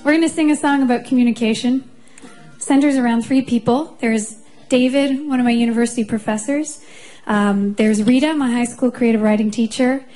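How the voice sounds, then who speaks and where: Woman singer, slightly high voice, warm-up patter before a song, chatty and amused. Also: brisk, soft background music. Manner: chatty, chuckling, personal anecdotes. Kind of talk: on-stage song introduction. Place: concert stage.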